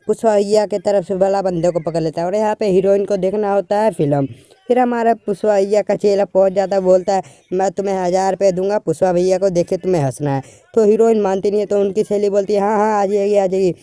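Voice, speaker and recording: Brief: male movie-recap vlogger, high and mellow voice, casual plot retelling with quoted lines. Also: clear, resonant tone, no echo. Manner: retells dialogue as quick plain quotes in colloquial speech.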